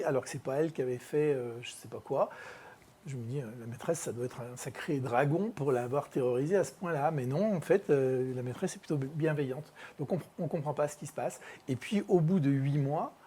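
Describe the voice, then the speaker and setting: A speaker with a husky, warm and mellow voice leads a workshop as an EFT practitioner. The talk is relaxed, with many pauses and fillers. The speaker tells a case and acts out the dialogue with a child in a mid-range voice. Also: medium pitch.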